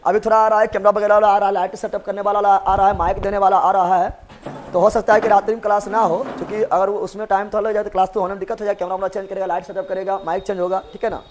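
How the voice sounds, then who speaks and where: Racing through a live online revision session, a male exam coaching teacher jokes and quizzes students using memory tricks, repeating his questions in a playful way. His voice is high but stays fairly flat in pitch.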